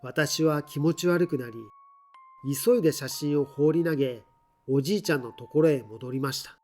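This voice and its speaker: A man reading a scripted ghost story aloud in a measured, deliberate storytelling manner, with drawn-out phrases. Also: fairly high pitch, a little mellow, faint music behind.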